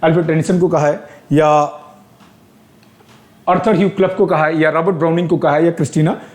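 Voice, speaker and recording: A male teacher with an Indian accent gives an exam-prep lecture in a somewhat higher voice. He explains step by step, asks his class questions aloud and mixes English terms into his talk. The room echoes around him. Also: steady tone, brisk, a little mellow.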